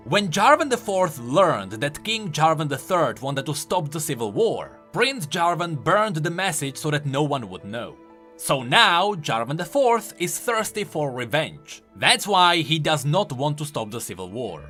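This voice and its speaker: A man presents video game lore from a script, delivering it with emphatic drama over a music bed. His voice sits on the high side, pushed and bright, with big pitch swings and a measured pace.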